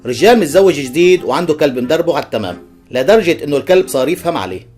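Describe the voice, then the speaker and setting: A man with a Levantine Arabic accent tells short jokes in a playful storytelling way. His voice sits high for a man. Faint instrumental music plays underneath. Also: animated, very fast, darkish tone. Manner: playful storyteller who laughs at his punchlines. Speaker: joke teller. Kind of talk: telling jokes for a video.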